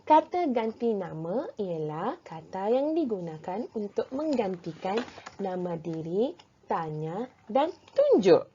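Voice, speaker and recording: A woman primary school teacher with a Malaysian Malay accent, giving a recorded grammar lesson in a slow, clear, drilling way with rising questions. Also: mid-range voice, very animated, warm tone, slight background noise. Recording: dull lo-fi recording.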